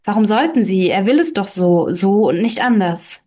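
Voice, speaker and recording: A woman's voice: mid-range voice, lively intonation, normal speed, dark tone, natural voice. Woman reading a confident free-spirited woman. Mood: calm. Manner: firm, lecturing. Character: self-assured woman preaching free love.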